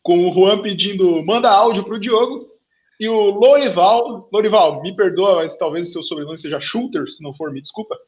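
A man with a Brazilian Portuguese accent hosting a live football talk stream, chatting casually and handing off to co-hosts, heard through low-quality online stream audio. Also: moderate pace, dull audio. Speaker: sports show host.

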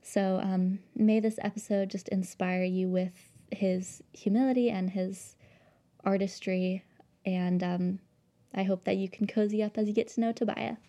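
A woman hosting a casual podcast in a small home studio, chatty, with frequent ums and quick laughs. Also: mid-range voice, fairly even intonation, warm tone. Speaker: podcast host.

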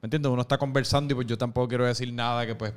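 A man's voice: mid-range voice, fairly even intonation, rapid-fire, clear, resonant tone. A man with a Puerto Rican accent interviewing casually, choosing words tentatively and carefully.

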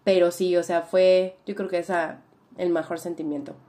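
In a casual interview, the guest, a young Mexican woman with a Mexican accent, recounts her story with a lowish voice at normal speed. Her telling is lively and thoughtful, peppered with fillers.

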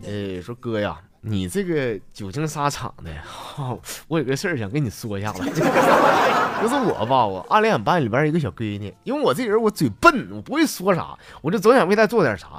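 A man's voice: medium pitch, very animated, fast talker, hardly any pauses. A man, hosting a podcast and reading listener jokes aloud, chuckling through the punchlines and acting out the quoted lines. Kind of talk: comic joke reading. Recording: loud music bed under the voice.

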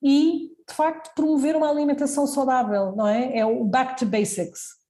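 Earnest Portuguese woman doctor, mellow voice. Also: high voice, steady tone, moderate pace. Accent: European Portuguese. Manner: earnest, advising, many restarts. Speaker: doctor guest. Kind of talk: casual interview answers.

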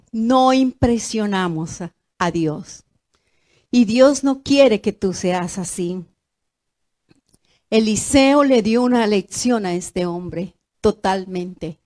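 A woman preaching a sermon, animated and direct, swinging from loud exclamations to soft, low asides and asking her listeners questions.

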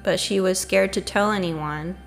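A woman's voice: medium pitch, moderate pace, gravelly, faint music behind. A woman co-hosting a casual podcast discussion, thoughtful and musing, often murmuring agreement. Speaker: podcast co-host.

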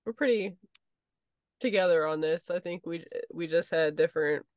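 A woman's voice: fairly low pitch, moderate pace, a little mellow, no room sound. A woman co-hosting a podcast, giving matter-of-fact takes on movies in casual chat. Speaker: podcast co-host.

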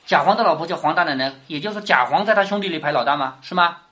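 A woman's voice: sits low, very fast. A woman teacher lecturing on a classic novel, often checking in with rhetorical questions. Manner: lively, keeps asking rhetorical questions. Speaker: literature teacher.

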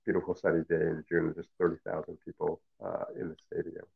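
Speaking in a low, creaky voice with a breathy edge and a completely flat delivery, a middle-aged professor whose first language is Cantonese answers interview questions reflectively, with many fillers and restarts. The sound is narrow and phone-like.

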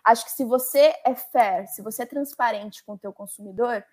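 Brief: young Brazilian woman, guest, chatty and lively, fairly high voice. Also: normal speed. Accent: Brazilian Portuguese. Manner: chatty, lively, uses many fillers. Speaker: legal coordinator, guest. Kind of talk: conversational interview.

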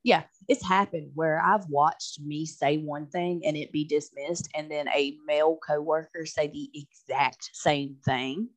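A woman's voice: sits low, unhurried, few pauses, dry recording. A young adult woman co-hosting a podcast in casual chat, telling stories with lots of swearing and acting out what people said. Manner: animated storyteller, swears freely, acts out quotes. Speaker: podcast co-host.

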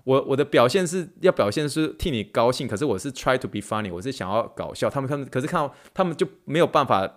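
Fast-talking Taiwanese Mandarin man. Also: medium pitch, animated. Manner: chatty, repeats words, spells English words aloud; mixes English words into Mandarin. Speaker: physical therapist and podcast host. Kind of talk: casual podcast teaching.

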